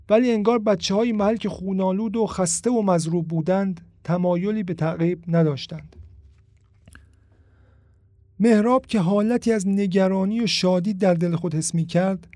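Male audiobook narrator, high voice, steady measured reading, dry close mic. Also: no room sound. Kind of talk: storybook narration.

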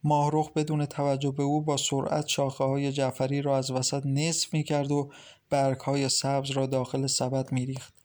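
A man narrating a novel as an audiobook reader, in a steady, even storytelling delivery. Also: medium pitch.

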